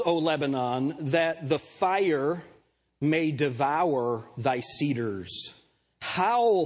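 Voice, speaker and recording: A man's voice: fairly high pitch, breathy edge. A middle-aged man preaching a sermon, joking and asking the congregation questions, with a light, nasal voice. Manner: jokey, animated preaching with rhetorical questions. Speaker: pastor.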